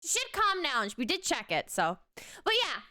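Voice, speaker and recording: A woman's voice: high-pitched, huge pitch swings, moderate pace, pushed and bright. A young adult woman streamer in casual live-stream chat, talking by turns to her dog and to her viewers.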